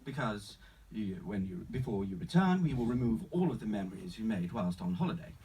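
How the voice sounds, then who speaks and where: Man acting male travel agent, formal, courteous, unflappable, sinister salesman, very lively intonation, off-mic, background noise. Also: lowish voice, fairly quick, far from the mic, low-quality recording. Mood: calmly assured. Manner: formal, courteous, salesman-like, calls the customer sir. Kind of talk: live screenplay table read.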